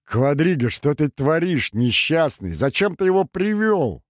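A man voicing a huge, gruff, superstitious male ship's shaman in an audiobook, speaking in a menacing booming bass. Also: big pitch swings, a little slow, no echo, studio quality. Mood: outraged.

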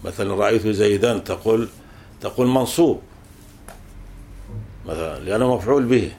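A man's voice: lowish voice, fairly quick, vocal fry, a little mellow, slight background noise. A man teaching a classical grammar text, explaining patiently and repeating points with fillers.

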